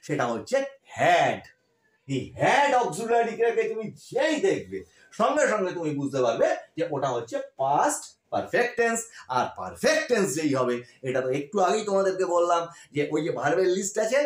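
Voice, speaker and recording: A man's voice: high-pitched, reverberant. A man teaching an English grammar lesson who explains step by step, asks questions and answers them himself, and keeps checking in with students. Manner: checks in often with short confirming questions.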